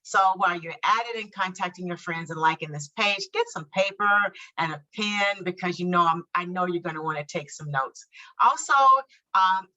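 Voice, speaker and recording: Bright-voiced upbeat woman host. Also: mid-range voice, poor audio. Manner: upbeat, chatty, laughs often. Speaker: podcast host. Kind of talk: live-streamed interview podcast.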